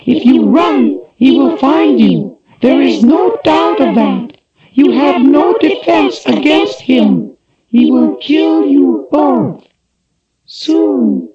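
A man voicing a tiny, high wisp spirit. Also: dark tone, breathy edge, lo-fi sound, full character voice. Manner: slow, grave, prophetic. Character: tiny female night wisp spirit, solemn.

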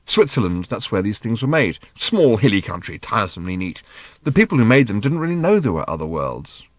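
Guy reading as a mild flustered dad, hesitant, lively up and down. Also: fairly low pitch, a little fast, no room sound. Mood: explaining. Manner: hesitant, apologetic. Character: bewildered, mild-mannered Englishman, a father.

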